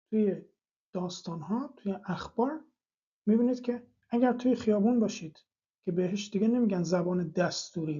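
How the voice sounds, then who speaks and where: Woman teacher, warm husky voice, patient explainer, dull lo-fi audio. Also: medium pitch. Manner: explanatory, rhetorical questions, slow repeated example words. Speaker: language teacher. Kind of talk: recorded video lesson.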